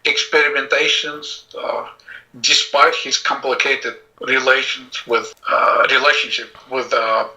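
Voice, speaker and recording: A middle-aged man, a composer being interviewed, speaking reflectively with many pauses and restarts. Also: medium pitch, little pitch movement, bright, forceful tone, rough recording. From Azerbaijan. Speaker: composer and pianist guest. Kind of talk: casual interview talk.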